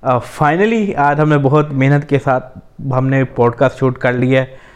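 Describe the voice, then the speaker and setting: Male podcast host from pakistan, resonant clear voice, mid pitch, casual explaining, english phrases mixed in. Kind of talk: casual chat.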